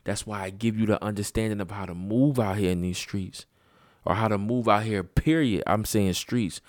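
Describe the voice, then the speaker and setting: A man's voice: fairly low pitch, normal speed, dry recording, studio quality. A sleepy man rambling profanely in a casual late-night monologue from his room, repeating himself as he talks. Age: adult father. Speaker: host.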